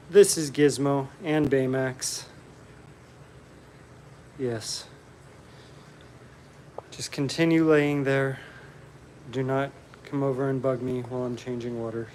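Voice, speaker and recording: A man's voice: mid-range voice, a little hiss or hum. Chatty man hosting a home live stream. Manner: relaxed, chatty, frequent ums, reads chat aloud. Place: his home.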